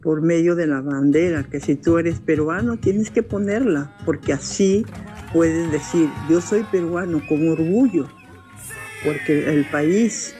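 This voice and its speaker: A woman's voice: low-pitched, mellow. A woman with a Peruvian accent leaving an earnest, proud voice message, hesitating now and then. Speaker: caller.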